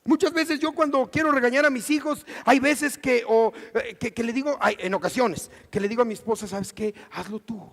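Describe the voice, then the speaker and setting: High-pitched mexican pastor guy preaching, animated, long hall echo. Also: a little fast, hardly any pauses. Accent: Mexican Spanish. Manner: animated preaching, acting out quoted voices. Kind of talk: sermon. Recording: church hall reverb.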